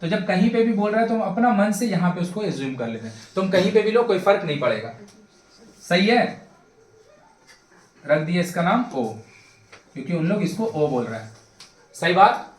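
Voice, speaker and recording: Man, math tutor, chatty classroom lecture, high voice, off-mic. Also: animated, moderate pace, pauses often, echoey room, far from the mic. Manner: chatty, joking, addresses students in a familiar way.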